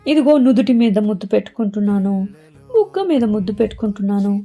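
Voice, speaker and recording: A woman's voice: medium pitch, sing-song, fast talker, dark tone, soft background music. A woman voicing a sulky, pouting young woman in love who scolds and pleads.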